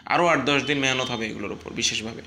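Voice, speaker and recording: A man's voice: fast, a little hiss or hum. A man teaching an online Quran recitation lesson, patiently explaining pronunciation and repeating each syllable for students to echo. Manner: chants drill syllables louder and higher than his explanations.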